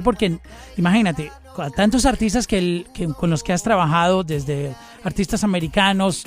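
High-voiced male podcast host. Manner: chatty, leading questions. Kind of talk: interview.

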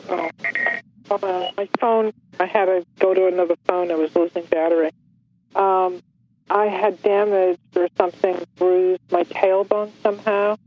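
A woman calling in to a radio show by phone, speaking haltingly, with pauses and restarts. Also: on the low side. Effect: heard over a phone line on a radio call-in show. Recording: muffled phone-line sound.

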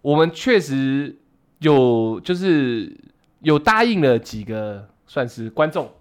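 A young man, co-hosting a podcast and telling a story in an excitable way, with casual swearing and words repeated for emphasis. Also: mid-range voice, slow, smooth. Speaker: podcast co-host. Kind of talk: animated storytelling chat.

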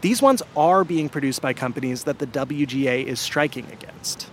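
A man's voice: medium pitch, moderate pace, slight background noise. A man hosting a radio show, narrating a story in a scripted, storytelling way. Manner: lively, storytelling delivery.

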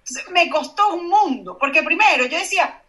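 A Venezuelan woman in her forties, a guest in an interview, telling stories in a lively way and acting out the dialogue. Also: very high voice, a little fast, recorded from a distance, poor audio. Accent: Venezuelan Spanish. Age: 40s. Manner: animated storytelling, acting out quoted dialogue. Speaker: guest, oral surgeon. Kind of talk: casual interview chat.

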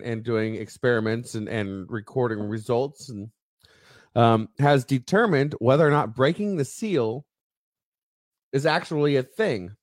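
A man with a mid-range voice co-hosts a relaxed podcast. He explains things at length, pausing often and restarting his sentences. His voice is recorded close and dry. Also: medium pitch, no echo. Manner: rambling explainer with many ums and restarts. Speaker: podcast co-host. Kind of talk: casual chat.

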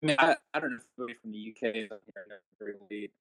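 A man's voice: lowish voice, rapid-fire, pushed and bright, dry recording. A man on a panel whose online call audio keeps breaking up into choppy, robotic glitches as he apologizes and tries again. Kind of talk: casual group chat.

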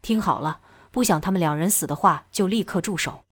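A woman's voice: fairly low pitch, a little fast, breathy edge, dry recording. A woman voicing a tough, commanding martial-arts fighter man in a storybook reading, with blunt commands. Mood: stern.

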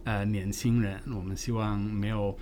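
A foreign man speaking Mandarin as a second language with a Beijing accent, giving articulate, measured explanations as an interview guest. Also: fairly low pitch, level tone, warm tone, a little hiss or hum. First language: not Chinese, a foreigner speaking Mandarin. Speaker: guest, art fair co-director.

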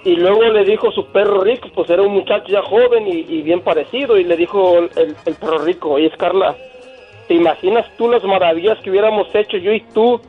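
A caller tells jokes to a radio show. He stumbles and repeats words. His high voice comes through a tinny phone line, with faint music behind it. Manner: halting joke-telling, stumbles and repeats.

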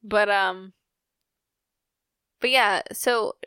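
A woman's voice: mid-range voice, fairly even intonation, drawn-out words, sharp tone, smooth, no echo, clean studio sound. A woman in her thirties co-hosting a podcast, chatting casually and rambling with fillers. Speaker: podcast co-host. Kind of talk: casual chat.

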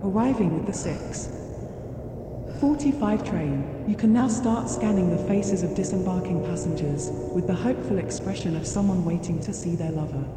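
A woman playing a wistful train station announcer who calmly and formally repeats her instructions. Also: fairly low pitch, moderate pace, lightly acted. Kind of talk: public address announcement. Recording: echoey station hall, vehicle noise.

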